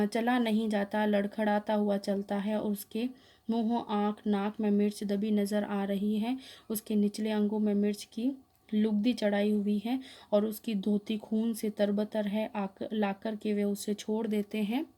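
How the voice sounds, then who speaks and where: A woman teacher reads a play aloud to her class and fills in the stage directions. Her voice is mellow and dark, and her pitch stays fairly flat. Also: unhurried. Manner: explanatory reading with fillers.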